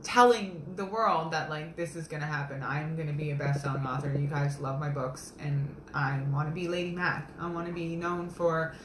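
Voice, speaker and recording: A woman's voice: sits low, fairly even intonation, normal speed, hardly any pauses, reverberant, noisy background. A young woman, a self-published romance author, chatting casually and earnestly on a live video from her kitchen. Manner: chatty, rambling, earnest and upbeat. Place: home kitchen.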